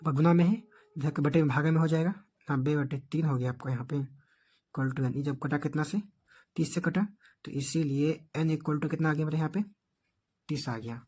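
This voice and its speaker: A man's voice: on the high side, fairly even intonation, moderate pace, a little mellow, slightly rough. A man teaching a board exam math lesson, explaining each step and checking in often with the class.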